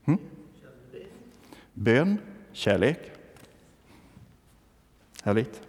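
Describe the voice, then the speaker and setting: Wry preacher in an echoey church. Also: male voice, medium pitch, big pitch swings, darkish tone. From southern Värmland, Sweden. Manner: wry storytelling, asks the congregation. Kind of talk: humorous sermon.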